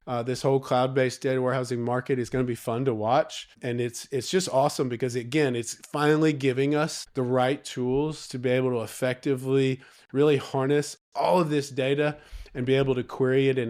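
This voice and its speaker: A man from Alabama with a soft Southern drawl, getting over a cold, explains things like a coach in an interview, emphatic and encouraging, repeating key phrases. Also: medium pitch, fairly even intonation, fairly quick. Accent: Southern Alabama, United States. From Alabama, United States. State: recovering from a cold. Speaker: data coach and interview guest.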